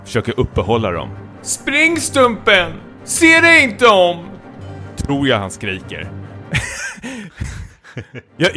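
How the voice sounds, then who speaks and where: A man reads a comic story aloud to his co-hosts, playful and amused. His pitch moves freely up and down, lively and animated. He often laughs as he reads. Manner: playful, breaks into laughter while reading. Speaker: podcast co-host. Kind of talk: comic reading of a self-written fan story.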